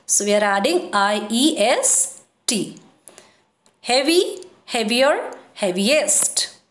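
A woman teaches a grammar lesson in a high voice that rises and falls widely. She goes step by step, repeating her points and checking that her pupils follow. Her voice rings in an echoey room. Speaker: school teacher.

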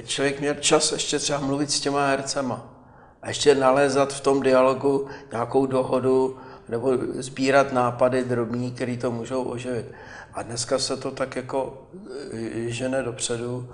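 An older man talks easily in a conversation, animated, pausing now and then with small hesitations. He is a guest being interviewed. His voice carries a noticeable roomy echo. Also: mid-range voice. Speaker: film director, guest.

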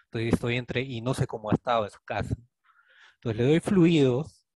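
Peruvian-accented male doctor, mid-pitched teaching voice, dry close recording, methodical and questioning. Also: moderate pace, a little mellow, dry recording. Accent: Peruvian Spanish. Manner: explains step by step, often asks students questions with a rhetorical "¿no?". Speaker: attending physician teaching a case discussion. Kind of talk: clinical teaching, thinking aloud.

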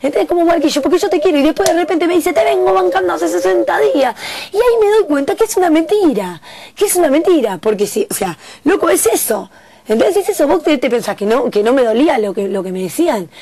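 Fast, high Rioplatense young woman. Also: lively intonation, warm tone. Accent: Rioplatense Spanish. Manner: defensive, rapid and emphatic, slangy. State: tearful. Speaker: reality show contestant. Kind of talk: heated argument.

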